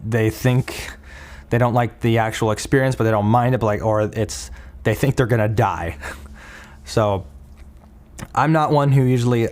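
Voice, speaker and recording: A man's voice: mid-range voice, darkish tone. A young man from Minnesota hosting a casual solo podcast, rambling with lots of fillers and restarts. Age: young adult. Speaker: podcast host.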